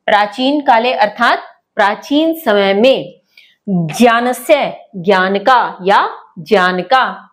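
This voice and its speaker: A woman teacher giving an online lesson, explaining word by word in a patient, repetitive way and asking her pupils questions. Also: a little high.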